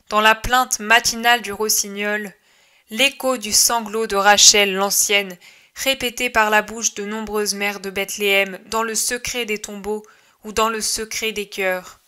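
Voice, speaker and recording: A woman's voice: mid-range voice, fairly even intonation, a little slow, pushed and bright, smooth. A woman voicing Jesus, solemnly preaching. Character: Jesus, gentle male preacher addressing his countrymen.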